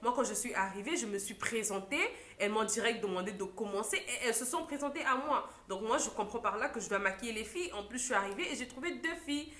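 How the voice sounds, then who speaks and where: A young woman, a makeup artist, telling a story in a lively vlog style and acting out what others said. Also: fairly high pitch, fast, few pauses. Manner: animated storytelling, acts out quotes. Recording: echoey room.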